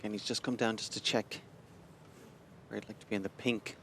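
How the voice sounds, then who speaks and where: Hushed, flat-pitched male snooker commentator. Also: brisk. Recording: light noise, audience murmur behind. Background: snooker arena crowd.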